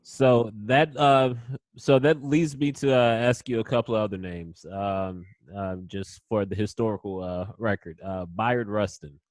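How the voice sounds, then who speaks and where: A man interviewing, asking his questions softly and hesitantly, with many fillers. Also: on the low side, fairly even intonation, unhurried, dry recording.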